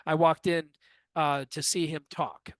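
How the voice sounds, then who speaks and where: Speaking at a measured pace in a fairly high voice, a fifties-aged man tells an interviewer a lengthy personal anecdote. He's an animated storyteller who performs what others said, and the recording has no echo.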